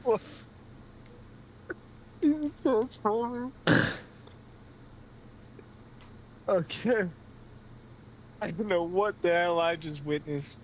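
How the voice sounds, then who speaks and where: A man's voice: sits high, a little hiss or hum. A man playing a tabletop game, speaking hesitantly in a casual way. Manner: hesitant, slow, drawled. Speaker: player.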